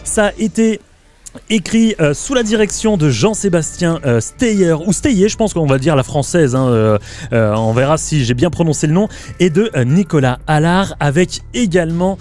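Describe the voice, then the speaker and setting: Chatty host, many fillers. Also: male voice, on the high side, moderate pace, darkish tone, faint music behind. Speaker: YouTube channel host. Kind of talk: casual video interview.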